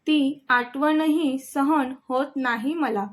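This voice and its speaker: A woman's voice: high-pitched, slow. A woman voicing an angry young wife.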